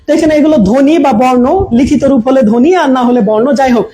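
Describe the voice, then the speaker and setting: Very high-pitched and mellow, this man talks at a racing pace, roughly recorded on a camera mic. In front of a projector he teaches grammar online, hammering key points, asking his viewers one question after another, and mixing English into his speech.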